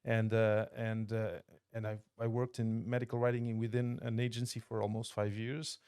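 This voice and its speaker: A man's voice: lowish voice, little pitch movement, normal speed, a little mellow, clear, resonant tone. Thoughtful man from Portugal, podcast guest. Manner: thoughtful, many restarts and fillers. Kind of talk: casual interview chat. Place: podcast studio.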